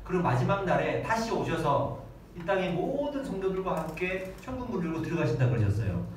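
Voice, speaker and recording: A man's voice: sits high, big pitch swings, a little fast, a little mellow. A male pastor in his thirties preaching a Sunday sermon, dramatically acting out prayers and children's voices. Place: church hall, large and echoey. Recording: very echoey hall, distant mic, faint noise.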